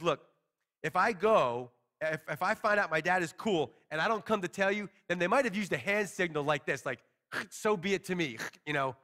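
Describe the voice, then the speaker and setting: A man in his forties preaching to a small congregation from a church stage, teaching conversationally and paraphrasing scripture in everyday words. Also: a little high. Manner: conversational, animated hand gestures, paraphrases scripture casually. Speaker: pastor. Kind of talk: expository sermon.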